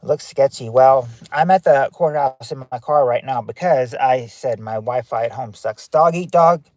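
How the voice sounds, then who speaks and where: A man's voice: mid-range voice, steady tone, normal speed, warm tone, dry recording. A man hosting a casual family game show on a livestream, reading out answers and greeting viewers by name from his parked car.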